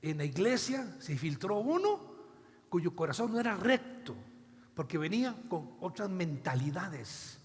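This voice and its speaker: A man preaching a sermon as a pastor, dramatically acting out biblical dialogue with big swings in loudness, with a Costa Rican accent. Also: sits high, sing-song, a little slow. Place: church hall. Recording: long church reverb.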